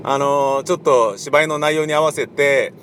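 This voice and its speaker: A man's voice: a little high, normal speed, noisy background. A man giving a casual solo monologue about writing his play, rambling with many fillers and now and then acting out the voices of the people he quotes. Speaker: playwright and director.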